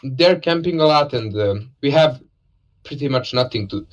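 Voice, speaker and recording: A man's voice: mid-range voice, lively intonation, normal speed, poor audio. A man casually commentating a live esports match, laid-back and joking, with lots of fillers.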